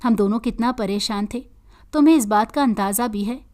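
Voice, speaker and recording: A woman's voice: on the high side, a little fast, darkish tone, close to an everyday voice. A woman voicing a worried mother scolding her grown son, in a read-aloud story.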